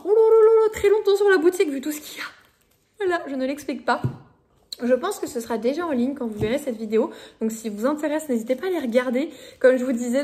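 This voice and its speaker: Excitable high-voiced woman unboxing parcels. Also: a little hiss or hum. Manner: excitable, gushing, laughs often. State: tired. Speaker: vlogger and shop owner. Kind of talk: casual unboxing chat to camera.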